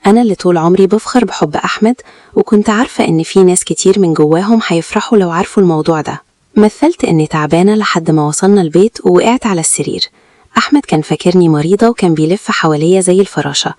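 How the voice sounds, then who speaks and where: A woman with an Egyptian Arabic accent narrating a first-person story in a quick, even reading. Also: lowish voice.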